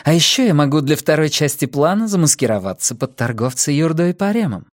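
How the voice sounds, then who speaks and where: A male reader voicing a sharp-tongued, sarcastic young woman in an audiobook, lifting his voice higher and sounding mocking. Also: lively intonation, a little fast, no echo, clean studio sound.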